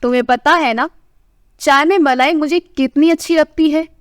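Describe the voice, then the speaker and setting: A woman's voice: sits high, moderate pace, no room sound, clean studio sound, natural voice. A woman doing a teasing old husband in his sixties. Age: 60s. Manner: teasing, coaxing. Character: playful older husband, fond of his wife.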